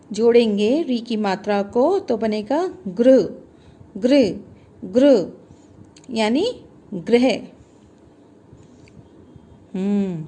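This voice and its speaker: A woman's voice: on the high side, mellow. A woman teacher with an Indian accent, patiently teaching young children and drawing out syllables as she sounds them out. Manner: encouraging, drawn-out sounding of syllables. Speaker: school teacher.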